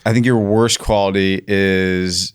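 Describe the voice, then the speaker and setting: Deep-voiced young man, earnest and halting. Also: steady tone, smooth, no room sound, clean studio sound. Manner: earnest, halting, many restarts. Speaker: podcast guest. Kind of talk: casual chat.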